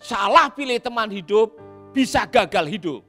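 A male pastor preaching a sermon, telling stories lively and acting out the voices in them, often asking the congregation "right?". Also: high-pitched, moderate pace, soft background music. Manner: lively storyteller, acts out quoted voices, asks "ya kan?".

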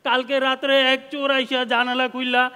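A man's voice: very high voice, monotone, normal speed, big-room sound, heavy background noise. A man telling stand-up jokes. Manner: storytelling jokes in village dialect. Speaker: guest comedian.

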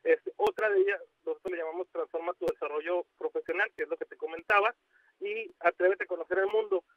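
A Mexican man being interviewed by telephone, speaking haltingly with many restarts and fillers. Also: sits high, no echo. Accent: Mexican Spanish. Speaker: university outreach coordinator, interview guest. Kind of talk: phone interview on radio. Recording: muffled dry phone line.

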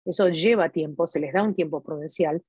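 A woman's voice: sits low, a little fast, a little mellow, breathy edge, dry recording. A woman tutoring for a language exam, explaining step by step and checking in with her listeners. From Argentina. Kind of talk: explanatory teaching talk to viewers.

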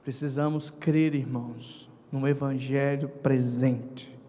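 A man with a Brazilian accent preaching a lively sermon, speaking to his congregation and acting out voices. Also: medium pitch, takes it slowly. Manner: animated, talks to congregation, acts out dialogue. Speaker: pastor. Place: church hall. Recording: long church reverb.

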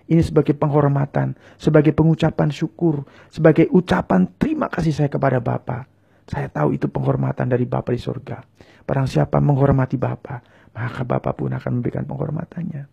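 A man's voice: medium pitch, steady tone, a little fast, vocal fry, mellow, slightly rough, highs cut off. A man preaching and leading viewers in a fervent prayer, giving short lines for them to repeat. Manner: speaks in tongues.

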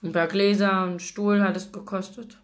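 A woman's voice: medium pitch, little pitch movement, moderate pace, natural voice. A woman voicing a tall, cocky young man who jokes and mocks, from a novel. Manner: mocking, laughing.

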